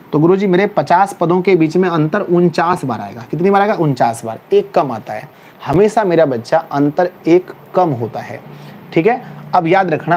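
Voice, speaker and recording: Middle-aged male math tutor, high-pitched, lively and teasing, faint traffic noise behind. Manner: lively, calls students "my child", teasing scolding. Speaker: math teacher. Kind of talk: classroom lecture. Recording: faint background noise with passing vehicles.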